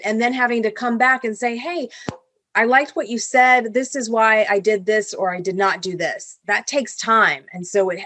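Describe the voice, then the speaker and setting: Woman from Venezuela, executive panel guest on a video call: earnest, explanatory, medium pitch, dry close sound. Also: fairly bright tone, dry recording. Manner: earnest and explanatory, with small restarts. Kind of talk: panel discussion.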